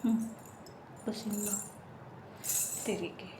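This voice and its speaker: A young woman vlogging casually from her hot home kitchen, hoarse and unwell, chatting and complaining straight to her viewers. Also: mid-range voice, steady tone, extremely slow. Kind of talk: casual chat to camera. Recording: echoey room, faint noise.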